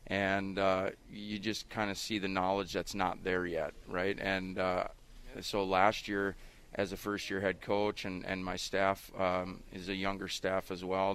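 A man in his thirties, a high school hockey coach, explaining earnestly in a radio interview, his voice muffled by a face mask. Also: fairly bright tone, clear, resonant tone. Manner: earnest, explanatory, frequent "you know".

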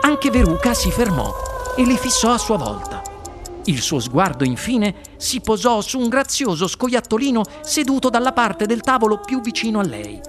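A woman reading a children's novel aloud as an expressive audiobook narrator. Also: a little high, moderate pace. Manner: expressive storytelling. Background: music.

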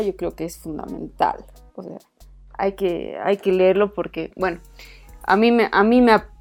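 A woman's voice: medium pitch, darkish tone. A young Bolivian woman from a comedy channel, chatting as a guest and thinking aloud with restarts and fillers. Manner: thoughtful, hesitant, many restarts and fillers. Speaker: guest, comedy YouTube creator. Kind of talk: casual chat.

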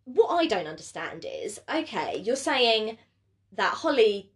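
A woman's voice: on the high side, very animated, a little slow. A woman co-hosting a true-crime podcast, questioning and indignant in casual talk. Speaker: podcast co-host.

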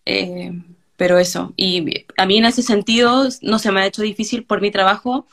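A young Chilean woman chatting in an interview, telling stories in an animated way and acting out quotes. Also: medium pitch, normal speed. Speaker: guest, hairdresser. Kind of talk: casual interview chat.

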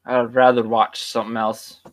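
A man's voice: medium pitch, flat delivery, brisk. A tired man co-hosting a podcast, rambling through opinions in casual chat. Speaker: podcast co-host.

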